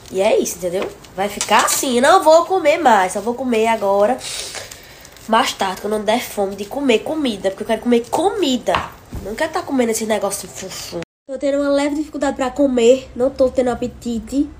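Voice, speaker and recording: Sounding like she has a cold, this Brazilian influencer in her twenties chats breezily to followers in vlog-style stories, moving between her living room and kitchen. Her fairly high voice is picked up by a phone held at arm's length, with a little hiss or hum in the recording. She turns animated whenever she starts venting.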